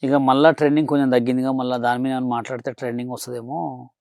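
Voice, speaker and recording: A man's voice: medium pitch, level tone, racing, creaky, darkish tone, no room sound, clean studio sound. A man, a guest in a casual interview who talks bluntly and brushes off his critics. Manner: blunt, dismissive of critics, colloquial.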